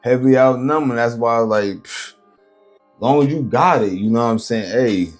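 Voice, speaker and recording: A man's voice: mid-range voice, moderate pace, soft background music. A man giving casual video commentary in rambling street slang, often checking that listeners follow him.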